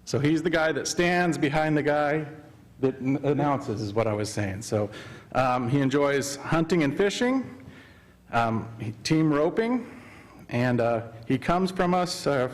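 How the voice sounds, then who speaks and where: A man who manages the city parks introducing a new employee to the council, halting and full of fillers. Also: fairly high pitch, lively intonation. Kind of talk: formal introduction at a council meeting.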